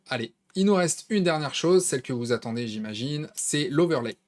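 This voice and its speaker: A man's voice: a little high, lively intonation, fairly quick, a little mellow. A man with a French accent walking viewers through a design tool in a casual, conversational screen-recorded tutorial, with plenty of fillers. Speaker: tutorial host.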